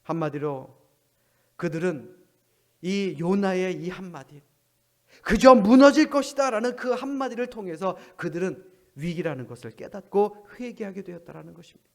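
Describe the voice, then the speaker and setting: Male pastor, fairly high voice; sermon delivery, rhetorical questions, loud peaks and quiet drops. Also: expressive, moderate pace, gravelly.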